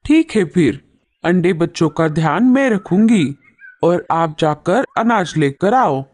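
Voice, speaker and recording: A woman voicing a caring, protective mother bird in a cartoon, speaking softly and soothingly. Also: on the low side, expressive, slow pace, dry recording. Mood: worried.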